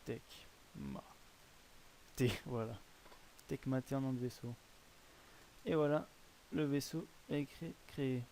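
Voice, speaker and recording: Male game host, mellow low-bright voice, casual hesitant commentary with frequent self-corrections. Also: slow, pauses often, slight background noise. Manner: rambling, hesitant, often corrects himself. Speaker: host presenting a browser game.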